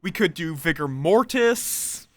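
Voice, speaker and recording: Animated and slow-paced, a mid-range voice with a fairly bright tone belongs to a streamer narrating an online social deduction game. The talk is casual banter with friends and viewers, playful and dotted with sing-song interjections. No room sound is audible.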